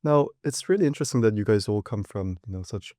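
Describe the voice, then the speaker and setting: A man's voice: fairly low pitch, animated, fast talker, no echo, studio quality. A man hosting a panel interview as course leader, talking in a rambling way with lots of fillers. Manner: rambling, warm-hearted, filler-heavy.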